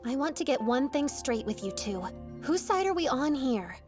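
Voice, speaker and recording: A woman's voice: high-pitched, big pitch swings, moderate pace, music in the background. A woman voicing a firm, principled teenage girl soldier in an anime dub, matter-of-fact. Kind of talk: anime English dub acting.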